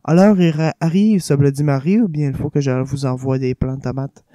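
A man voicing a calm, confiding middle-aged politician who schemes. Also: mid-range voice, a little fast, dry recording, studio quality, lightly acted.

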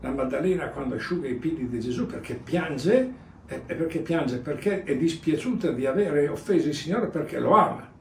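A man's voice: a little high, expressive, normal speed. Male priest, homily, repetitive and conversational, reverberant church, distant mic with faint room hiss. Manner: rambling, repeats phrases, tags lines with "eh?" and "vedete". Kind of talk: sermon.

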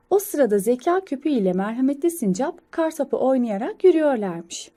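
A woman reading an audio description of a children's comic, slow, careful and even. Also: on the high side.

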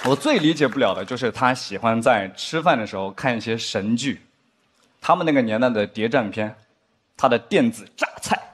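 A man performing a stand-up comedy set, telling stories and acting out drama scenes in a lowered voice. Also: moderate pace. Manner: lively storyteller, acts out drama scenes in lowered voice. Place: theater stage before a live audience. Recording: live stage with crowd laughter and noise.

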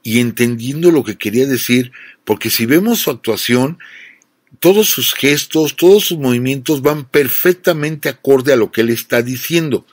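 Mexican radio host, dry close sound. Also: male voice, mid-range voice, normal speed, no room sound. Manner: talks straight to listeners as friends, with rhetorical check-ins. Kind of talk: conversational storytelling on film history.

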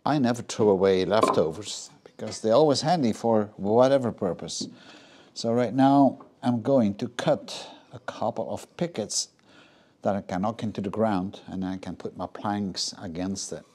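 A middle-aged man casually explaining a DIY renovation step by step while working outdoors, practical and a little halting with ums and uhs. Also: lowish voice, a little mellow, a little hiss or hum. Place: outdoors in a garden yard.

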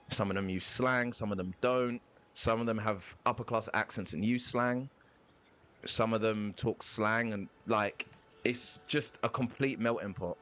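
A man's voice: fairly low pitch, a bit bright. A man with a London accent chatting casually and rambling as he live-streams a video game, dropping slang now and then. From London, England.

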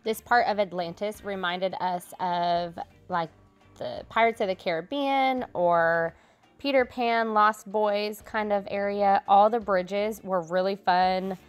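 A woman's voice: mid-range voice, slow pace, smooth, soft background music. A woman giving chatty, appreciative travel vlog narration in a casual style. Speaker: travel vlogger.

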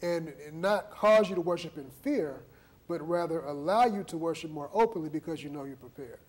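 A man's voice: on the high side, a little fast. A man, hosting a TV studio interview on a lapel mic, affirming his guests and summing up their points. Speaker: TV talk show host. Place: TV studio set.

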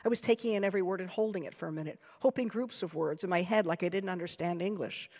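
An American woman author reading her own fiction aloud in a dry, measured, deadpan way. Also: fairly low pitch. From United States. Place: lecture hall. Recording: long hall reverb.

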